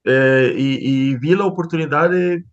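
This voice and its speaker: This interviewed scientist from Brazil has a fairly high-pitched voice and speaks at a measured pace, recorded with lo-fi sound. He uses Spanish as a second language, carrying a Brazilian Portuguese accent. His conversational answers are hesitant, full of fillers and restarts.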